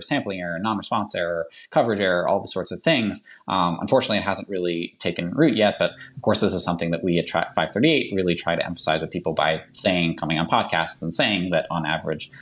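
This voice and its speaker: A man with a Boston accent, a guest explaining polling on a podcast in a quick, chatty way full of fillers and self-corrections. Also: deep voice.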